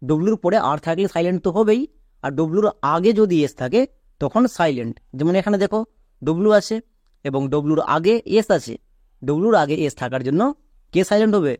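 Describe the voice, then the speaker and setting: Male teacher, fairly high voice, dry close sound, patient and repetitive. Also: lively intonation, brisk, darkish tone, no echo. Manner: patient, repeats rules and asks check questions. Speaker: English pronunciation teacher. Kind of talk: explanatory lesson.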